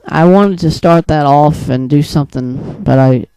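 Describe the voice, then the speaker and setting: Telling a dream in a casual unscripted monologue, this video creator and storyteller has a smooth, mellow voice of fairly high pitch. He rambles, hesitating and halting mid-thought. There's no room sound, and the recording is low-quality.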